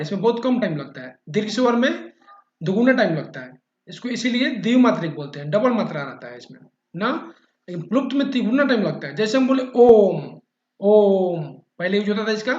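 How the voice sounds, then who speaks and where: A man teaching a grammar lesson, patiently repeating key terms and checking in often with his listeners. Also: high voice. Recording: echoey dull-sounding room.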